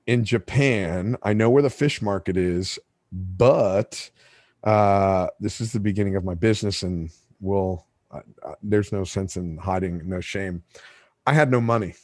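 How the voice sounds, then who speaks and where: Recorded with studio quality and no echo, a man with a fairly low voice hosts a podcast. A native Spanish speaker, he spins out a lengthy tale in a loose, rambling way, full of side remarks and self-corrections.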